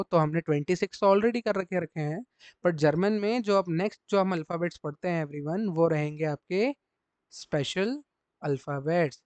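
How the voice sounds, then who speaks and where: A man's voice: fairly high pitch, darkish tone, no echo. A man teaching a beginner language lesson, asking questions and repeating each answer. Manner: repeats each answer in call-and-response quizzing. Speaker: German teacher.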